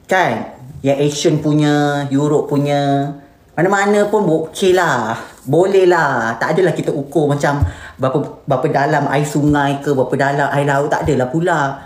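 A woman's voice: deep voice, moderate pace. Blunt Malaysian woman on a live stream. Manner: blunt and heated, mixing in English words. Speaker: influencer hosting a live stream. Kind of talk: live stream chat reading viewer comments. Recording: roomy echoey room.

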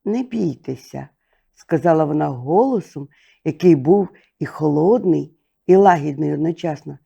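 An older woman reading a fairy tale aloud as a bedtime storyteller, slow, gentle and expressive. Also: low voice, vocal fry, breathy edge, highs cut off.

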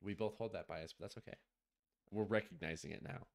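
A man chatting casually on a podcast, excitable and slangy, quick to gasp and laugh. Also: sits low, creaky. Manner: slangy, laid-back. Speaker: podcast co-host. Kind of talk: casual chat.

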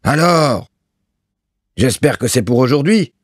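A man voicing a gruff, coarse male landlord who roars his demands for rent. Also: mid-range voice, lively intonation, takes it slowly, dry recording, clean studio sound, voice pushed up. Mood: furious. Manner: roaring, demanding.

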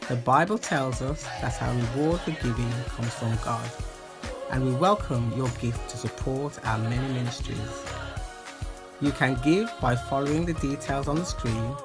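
Smooth donation appeal voiceover, music behind it. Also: mid-range voice, normal speed. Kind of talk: scripted donation appeal voice-over.

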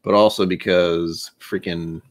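A man in his thirties livestreams from a home room lined with shelves of bottles, chatting casually, rambling, poking fun at himself, and sometimes trying joke accents. His low voice is steady and a little slow.

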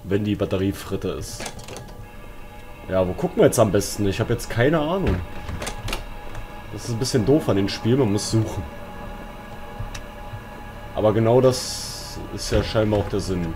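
Playing a horror game for a let's play, a man offers casual, slangy commentary and mutters to himself, pausing often. His fairly low voice is expressive and moves at a moderate pace, with eerie game music and sounds underneath.

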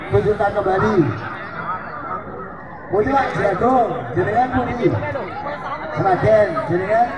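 A man with a Javanese accent booming out as a live prize announcer to a crowd at an outdoor event. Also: slow, long pauses. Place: outdoor volleyball court. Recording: distant echoing PA, loud crowd noise. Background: loud crowd.

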